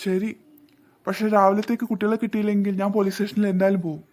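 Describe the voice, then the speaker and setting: A man's voice: sits high, little pitch movement, fast talker, darkish tone, close to an everyday voice. A man voicing a worried father in a cartoon, anxious and earnest. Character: worried father of two girls.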